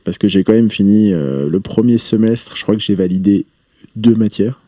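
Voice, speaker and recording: Mellow-voiced man, musing with hesitations. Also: on the low side, moderate pace, dry recording, clean studio sound. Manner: reflective, rambling, frequent hesitations. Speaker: podcast guest, entrepreneur. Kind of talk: casual interview talk.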